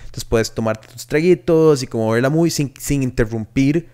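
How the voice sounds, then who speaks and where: A young man with a Costa Rican accent, co-hosting a casual podcast chat, animated and full of slang and swearing. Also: mid-range voice, normal speed, smooth. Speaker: podcast co-host.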